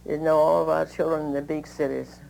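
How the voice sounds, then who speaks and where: A woman's voice: sits low, flat delivery, vocal fry, a little mellow, slight background noise, poor audio. An older woman, a retired schoolteacher, telling her own story in an oral history and acting out the dialogue she recalls. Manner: unhurried, acts out quoted dialogue.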